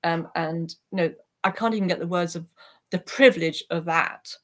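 Speaking at normal speed in a fairly low voice, a woman appears as a guest on a video call, where she, a peace activist, offers an earnest, heartfelt, reflective account of her own experiences. She's indoors in a small attic room at home, using her computer's microphone.

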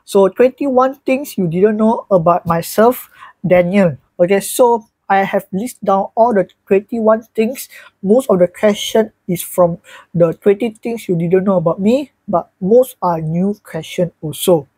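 Seated indoors in a small bedroom with a fan running, a young man of twenty-one vlogs casually to camera, repeatedly saying "so yeah" and "alright, guys." His high, slightly mellow voice is breathy and measured, and the recording is rough with no echo.

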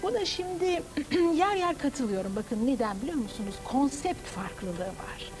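Woman, 50s, opera teacher, measured lecturing talker, higher voice, studio lapel mic. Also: animated, music in the background, rough recording. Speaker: opera director and conservatory teacher. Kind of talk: studio TV interview.

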